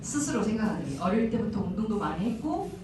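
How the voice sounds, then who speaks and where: Woman, thirties, chatty seminar speaker quizzing the crowd; animated delivery, faint room noise behind. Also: medium pitch, fast talker. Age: 30s. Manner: chatty, poses questions to the audience. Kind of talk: motivational seminar talk. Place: large hall. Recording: echoey hall from far off.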